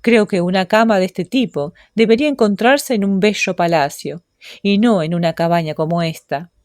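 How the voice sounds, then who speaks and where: A woman's voice: medium pitch, moderate pace, a little mellow, no echo, clean studio sound, natural voice. A woman voicing a poor, hungry duke who mutters his weary thoughts aloud in a storybook reading. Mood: weary, wistful. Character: poor hungry duke, grown man, wistful.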